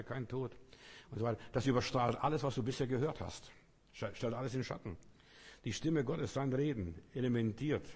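A man delivers a fervent sermon, circling back to the same phrases and drawing them out for weight. His voice is a touch husky, at an ordinary pitch for a man. A long reverb hangs behind every line. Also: a little mellow. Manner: fervent, repetitive, slows down to stress key phrases. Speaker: preacher.

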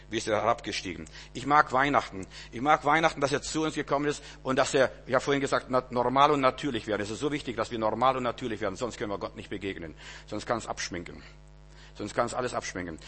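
Male preacher, sermon, emphatic, repetitive, rhetorical questions, loud-soft swings. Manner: emphatic, swings between loud proclamation and low quiet delivery.

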